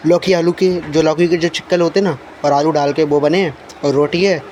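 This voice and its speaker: A man's voice: on the high side, fairly even intonation, a little fast, darkish tone. A man vlogging casually into a handheld phone at home and up on a rooftop. He rambles, repeats words and restarts his sentences as he chats. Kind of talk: casual vlog chat. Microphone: handheld phone camera. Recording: noisy outdoor ambience.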